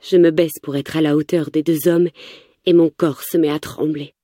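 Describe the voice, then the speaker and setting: A woman's voice: deep voice, level tone, normal speed, mellow, no room sound, studio quality. A woman narrating a first-person story with tense, urgent delivery.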